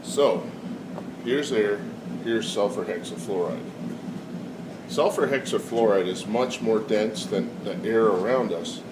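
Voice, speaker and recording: A man with a somewhat low voice and a cold talks through a casual classroom science demonstration, pausing on fillers as he explains. Recorded from a distance in an echoey room, he sounds set back from the mic, with loud air conditioning humming steadily behind him.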